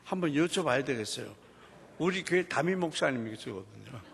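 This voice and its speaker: Man, church deacon, testimony storytelling, very expressive pitch, long hall reverb. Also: brisk, gravelly, a little hiss or hum. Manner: animated storytelling, acting out quoted dialogue.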